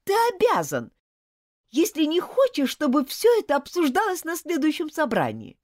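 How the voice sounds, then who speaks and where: A woman reading an audiobook, voicing a fiery schoolgirl monitor who is indignant and insistent, with shrill outbursts. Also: big pitch swings, normal speed, no echo, clean studio sound. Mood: accusing. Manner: shrill, pleading, loud outbursts.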